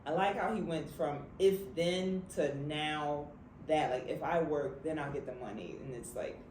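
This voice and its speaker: A relaxed man co-hosting a book club, thinking out loud in casual chat. His voice sits fairly high. The room is echoey with faint noise behind him. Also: normal speed. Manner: relaxed and thoughtful, with light laughs.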